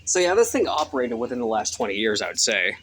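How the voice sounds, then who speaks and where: A man's voice: fast, a little hiss or hum. A man vlogging casually outdoors on a rural delivery route, rambling and swearing as he records on his phone. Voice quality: profane, rambling, lively swings in pitch. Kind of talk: casual vlog.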